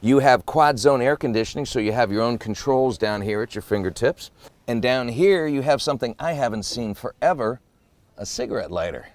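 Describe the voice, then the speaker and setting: A man's voice: mid-range voice, lively intonation, fairly quick. A man presenting a car review walkaround, with an upbeat, jokey, salesman-like delivery.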